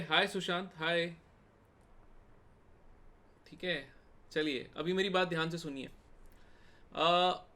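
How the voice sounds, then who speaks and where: A young Indian man with an Indian accent giving a live online chemistry exam-prep lecture, chatty and informal, speaking loudly and greeting viewers as he teaches. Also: on the high side. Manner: loud, forceful delivery.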